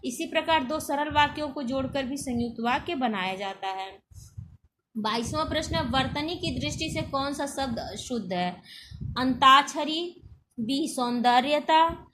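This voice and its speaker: A woman teaching a Hindi exam-preparation lesson, reading out questions and answer options in a measured way. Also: sits high, fairly bright tone, slight background noise. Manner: measured, reads options aloud one by one.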